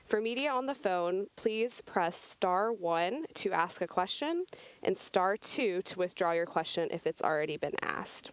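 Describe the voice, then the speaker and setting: A woman's voice: lowish voice, lively intonation, unhurried, no echo, low-quality recording. A woman with an American accent, hosting a press event with scripted announcements and introductions. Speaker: press event host at space agency.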